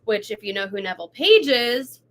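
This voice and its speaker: A woman's voice: medium pitch, lively intonation, a little fast. A woman being interviewed about her film, chatty and full of "like" fillers. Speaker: actress and producer guest. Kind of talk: casual interview chat.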